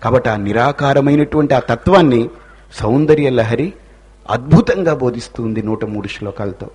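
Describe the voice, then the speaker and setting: A man's voice: mid-range voice, lively intonation, normal speed, darkish tone, slightly rough. A man giving a spiritual discourse, telling stories with rhetorical questions and rising emphasis. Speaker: religious speaker.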